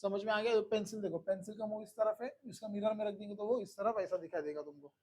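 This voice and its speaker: A man's voice: high voice, fairly even intonation, fast, warm tone, slightly rough. A man teaching a physics class who keeps repeating questions to his students and coaxing them along.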